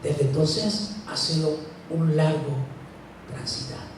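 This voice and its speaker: A middle-aged man from Chile telling a personal story of loss at a church, slow and halting with long pauses. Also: fairly high pitch, slight background noise. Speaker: speaker at a church. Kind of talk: personal testimony talk. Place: church hall. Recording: echoey hall, mic far off.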